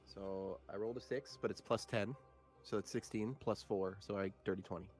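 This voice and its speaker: A man's voice: fairly low pitch, fairly even intonation, normal speed, a little mellow. A man chatting casually as a player in a tabletop role-playing game. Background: background music.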